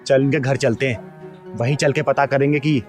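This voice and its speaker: In a Hindi short film, a man plays a bold, righteous kinnar elder sister, speaking emphatically with a suspicious mood. His voice is medium pitch and darkish, close to an everyday voice, with fairly even intonation and normal speed. Soft music plays in the background.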